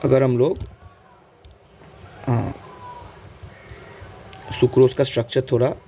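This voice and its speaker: In a warm, mid-range voice with fairly even intonation, a man with an Indian accent leads an exam-prep chemistry lecture, and there's a little hiss or hum. He alternates between Hindi and English, repeatedly asks "right?", and draws out key terms at a slow pace.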